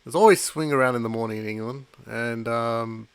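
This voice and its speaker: A man's voice: mid-range voice, a little fast, clean tone. A man co-hosting a live cricket stream, giving casual commentary with frequent laughs and hesitant fillers.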